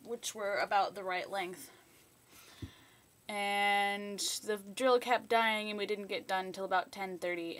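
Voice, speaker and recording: Chatty young woman with a bright voice. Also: mid-range voice. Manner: chatty, rambling with small everyday details. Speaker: vlogger. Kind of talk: casual vlog room tour. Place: small bedroom in a shared house. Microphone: laptop built-in mic, carried around.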